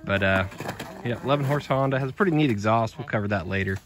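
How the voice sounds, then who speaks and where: A man in his thirties talking casually to a close handheld camera outdoors in snowy woods, relaxed and full of "uh" fillers. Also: mid-range voice, quick pace, rough recording. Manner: relaxed, easygoing, many "uh" fillers. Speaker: vlogger, host. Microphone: handheld camera close to his face. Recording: loud outdoor noise and engine sounds.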